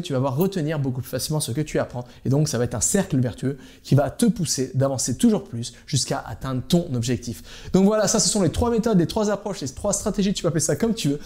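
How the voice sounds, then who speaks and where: A man coaches viewers on learning a language in an informal lesson, speaking directly to them and hammering home his key points. He talks at a brisk clip in a warm, mellow voice that sits a little high for a man. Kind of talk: informal teaching monologue to camera.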